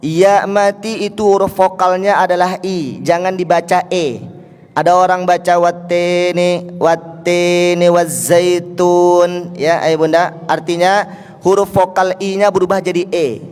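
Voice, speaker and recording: Guy teaching quran recitation, high smooth voice, chants verses slow and stretched, big reverby hall w faint music. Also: fairly even intonation. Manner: breaks into slow drawn-out chanted recitation, then explains; coaxes listeners to repeat, counting them in.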